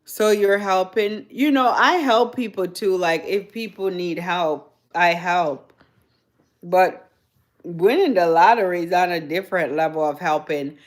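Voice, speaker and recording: A Jamaican woman with a Jamaican accent hosts a livestream, speaking a little slowly in a lowish voice. She chats casually with viewers, rambling and laughing often.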